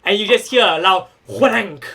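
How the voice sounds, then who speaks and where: A man serving as game master for a live-streamed tabletop wrestling game, animated and quick to laugh. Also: high voice, a crowd in the background. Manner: animated, laughing, voices characters.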